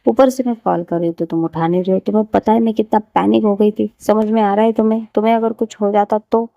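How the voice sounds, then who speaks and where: A woman's voice: mid-range voice, fairly even intonation, fast, creaky, dark tone, dry recording, lo-fi sound, lightly acted. A woman storyteller voicing an anxious young woman doctor who stammers and scolds her wife with worry. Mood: scolding.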